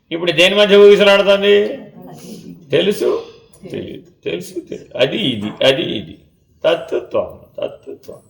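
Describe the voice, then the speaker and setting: A man's voice: a little high, a bit bright, reverberant. A man giving a devotional discourse as a spiritual teacher, asking rhetorical questions and repeating refrains, sometimes dropping to a near-whisper.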